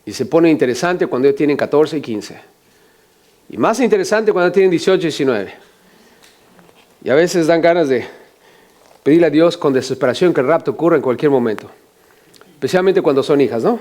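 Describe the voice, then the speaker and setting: A man's voice: fairly high pitch, expressive, fairly quick, long pauses, a little mellow. An older male pastor preaching a sermon, often asking the congregation questions and adding joking asides.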